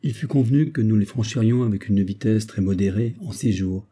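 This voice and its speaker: A man reads a novel aloud as audiobook narration, steady and even. His voice is very dark and mellow, with a husky edge. It sits a little low. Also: brisk.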